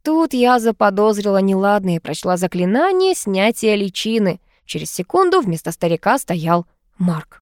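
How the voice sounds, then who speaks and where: A woman narrating an audiobook in a lively, dramatic way. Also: mid-range voice, normal speed, no echo, studio quality.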